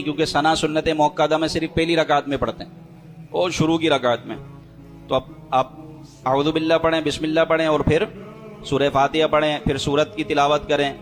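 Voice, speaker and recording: A man with a fairly high voice explains each step of a prayer in order. He slows right down to recite the words and show how they should sound. Faint music plays behind him. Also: little pitch movement. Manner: demonstrates recitations slowly and deliberately. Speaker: religious teacher.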